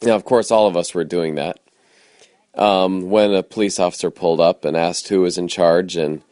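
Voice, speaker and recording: A man with a very low voice recalls church trips from his teens, relaxed and loose with fillers. The recording is dry and close. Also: moderate pace, no echo. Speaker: tribute speaker, former youth group member. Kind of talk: anecdotal tribute.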